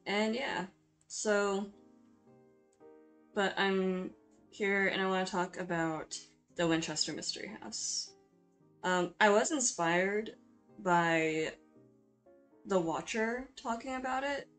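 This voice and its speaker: A woman's voice: medium pitch, slow pace, pauses often, a bit bright. A woman giving a chatty, informal voice-over for her video, speaking in a hesitant, apologetic, self-deprecating way. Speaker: video creator hosting a drawing speedpaint. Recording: music playing behind the voice. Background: background music.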